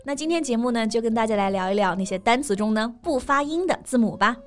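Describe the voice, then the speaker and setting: A woman co-hosting a bilingual English lesson, patiently explaining silent letters and spelling words out slowly. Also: on the high side, expressive. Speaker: English teacher, co-host. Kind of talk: bilingual language lesson chat.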